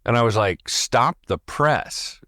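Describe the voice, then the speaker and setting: A man's voice: medium pitch, lively intonation, slow pace, sharp tone, dry recording, clean studio sound. A man hosting a podcast interview in casual chat, rambling and talking a mile a minute. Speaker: podcast host.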